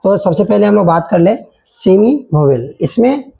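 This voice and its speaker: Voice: mid-range voice, sing-song, normal speed, creaky, mellow, a little hiss or hum, low-quality recording. A teacher giving a children's grammar lesson, repeating points and checking in often while mixing in English words.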